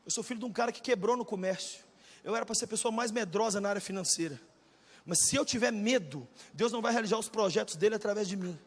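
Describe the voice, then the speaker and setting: A Brazilian pastor in his forties preaching a sermon, swinging from shouted bursts to low, confiding talk. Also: fast. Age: 40s. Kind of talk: energetic sermon. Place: large church hall, live audience. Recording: reverberant church hall.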